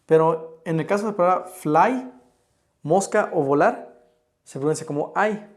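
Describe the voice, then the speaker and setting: A man presents an online English lesson in a high voice. He works through each rule patiently and step by step, pausing on example words. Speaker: English teacher. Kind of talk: explaining an online pronunciation lesson.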